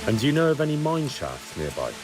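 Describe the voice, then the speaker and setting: A man's voice: medium pitch, huge pitch swings, quick pace, music in the background. A man voicing a determined, blunt young hero in a medieval video game. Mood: questioning.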